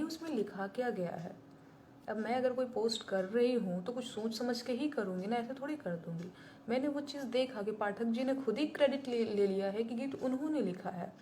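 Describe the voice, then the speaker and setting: A woman's voice: on the high side, warm tone, slight background noise. A woman who is a singer and songwriter, chatting live with her viewers and answering their comments in an emphatic, indignant way, repeating her points for stress.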